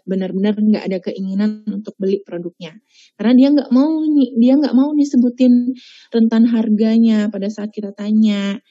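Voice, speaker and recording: Mellow-voiced woman teaching a chatty webinar. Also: medium pitch, dry recording, lo-fi sound. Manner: chatty, repeats herself, often addresses listeners as friends. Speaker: sales trainer presenting a webinar.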